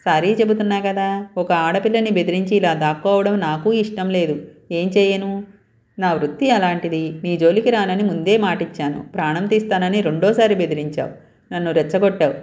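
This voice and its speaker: A woman voicing a bold, teasing young man on the run in a read-aloud story, mocking at times and softly coaxing at others. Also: fairly low pitch, a little fast, lightly acted.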